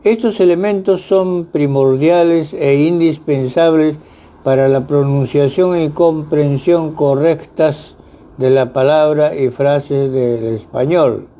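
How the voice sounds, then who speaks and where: A man narrating a scripted Spanish grammar lesson, reading definitions and examples aloud in a slow, measured way. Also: fairly high pitch, dark tone. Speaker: grammar teacher.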